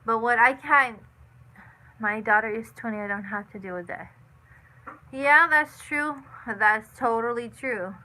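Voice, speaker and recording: A woman's voice: fairly high pitch, unhurried, sharp tone, poor audio. A woman in her thirties hosting a casual live chat, answering viewers and repeating herself with lots of "you know" and "like". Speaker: livestream host.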